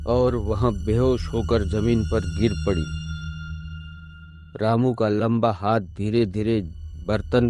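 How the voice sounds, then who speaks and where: A man narrating a scripted horror story in a measured, ominous way. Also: fairly low pitch. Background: faint music.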